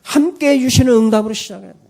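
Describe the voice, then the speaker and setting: A man's voice: extremely high pitch, fast talker, creaky, darkish tone. A man pastor giving a Sunday morning sermon in church, preaching emphatically, calling for amens and telling a story with many fillers. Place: church service.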